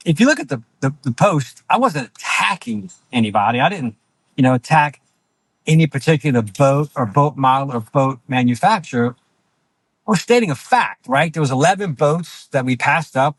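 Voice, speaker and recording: A self-assured man giving opinions bluntly as an interview guest, often checking his points with a quick tag question. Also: a little high, expressive, no room sound, rough recording. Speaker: interview guest, boat owner.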